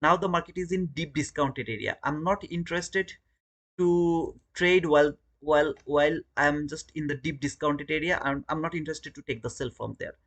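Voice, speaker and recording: The host of a live trading stream, a Bangladeshi man, speaks at a moderate pace in a slightly high voice with a fairly bright tone. He chats informally with viewers in Bangladeshi-accented English, offering trading commentary and often repeating words.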